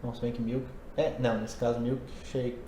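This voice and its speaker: A man's voice: medium pitch, level tone, moderate pace, warm tone, slight background noise. A man who teaches English and Portuguese, hosting a casual podcast and explaining ideas conversationally while thinking aloud. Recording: roomy echo.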